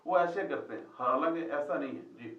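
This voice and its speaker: A man teaching Quranic Arabic quizzes his class and repeats their answers, heard from afar in the classroom. His fairly high, slightly bright voice is animated and fairly quick. The space echoes and the highs are cut off.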